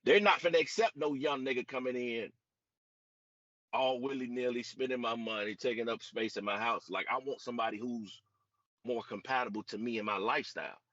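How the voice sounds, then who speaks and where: A man's voice: mid-range voice, a little fast, a bit bright, dry recording. A man co-hosting a podcast, speaking bluntly and emphatically with plenty of profanity. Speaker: podcast co-host. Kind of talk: casual podcast discussion. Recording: dry lo-fi audio.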